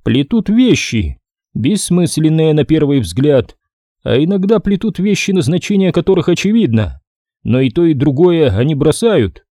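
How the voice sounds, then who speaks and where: A man voicing a cryptic, aloof alien machine intelligence in an audiobook, speaking in a measured way. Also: fairly high pitch, sing-song, warm tone, no echo, studio quality, pitched above the performer's own voice. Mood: enigmatic.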